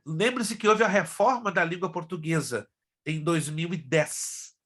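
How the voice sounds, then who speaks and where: Speaking to his students directly and in a chatty way, a middle-aged pastor from Brazil leads an online class; Hebrew and Spanish are his first languages. He has a somewhat high, slightly bright voice and takes an unhurried pace.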